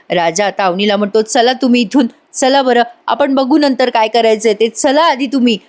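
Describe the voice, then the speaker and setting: A woman narrating a lively recap of a TV serial episode, addressing her viewers directly as a reviewer. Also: fairly high pitch. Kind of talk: storytelling recap voice-over.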